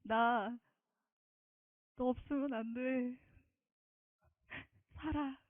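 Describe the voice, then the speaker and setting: A woman voicing a gentle, apologetic, fatherly male Jesus in a soft, quiet tone. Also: on the high side, fairly even intonation, drawn-out words, no room sound. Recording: tinny phone-like dry sound.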